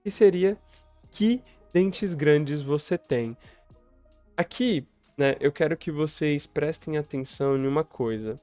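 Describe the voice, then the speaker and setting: A man's voice: a little high, slow pace, darkish tone, no echo, faint music behind. A man teaching English, reading story lines aloud and translating them, often checking in with the viewer. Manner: frequent tag questions to the viewer. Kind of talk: explaining a story for learners.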